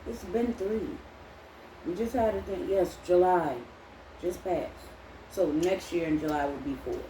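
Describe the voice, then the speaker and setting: A woman co-hosting a mukbang, talking casually and quick to push back. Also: on the low side, mellow, recorded from a distance. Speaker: mukbang co-host. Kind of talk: casual chat while eating. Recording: echoey room with faint ambient noise.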